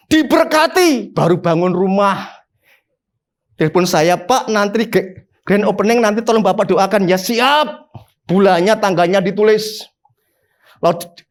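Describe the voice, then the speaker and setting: A man, a pastor preaching a sermon in an animated way, with sudden high emphatic bursts.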